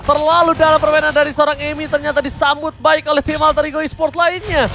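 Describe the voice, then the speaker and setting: A man commentates a match in a very high-pitched voice, in the manner of a fighting game announcer. He stretches key calls dramatically and throws out rhetorical questions, with music clearly playing behind him. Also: level tone, fast talker, a crowd in the background. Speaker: esports shoutcaster, play-by-play.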